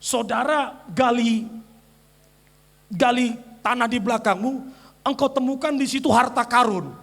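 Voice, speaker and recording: High-voiced preacher shouting in a reverberant hall. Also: male voice, measured pace, creaky. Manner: alternates shouted declarations with soft mimicking asides. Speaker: pastor. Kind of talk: energetic sermon. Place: church sanctuary. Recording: church hall with long reverb.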